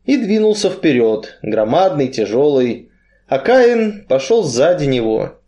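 A male narrator reading a literary story aloud at a measured pace. His voice sits a little high and rises and falls with the prose. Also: sing-song, mellow.

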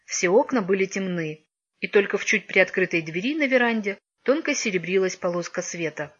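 A woman narrating a children's story in an even, measured reading voice, on a dull lo-fi recording. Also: mid-range voice, breathy edge. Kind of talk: audiobook narration.

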